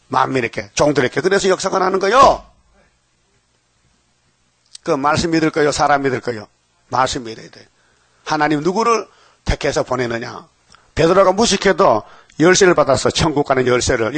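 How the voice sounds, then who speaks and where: Older male pastor, dawn sermon, a touch high-pitched, close and dry, acts out the story's voices. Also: a bit bright, dry recording. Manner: questioning the congregation, acting out quoted voices. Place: church sanctuary.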